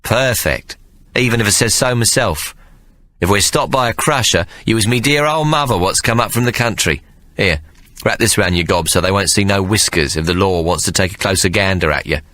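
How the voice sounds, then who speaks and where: A man's voice: on the low side, fairly quick, pushed and bright, no room sound. A man voicing a cocky male thief from the streets, brash and coarse. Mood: pleased.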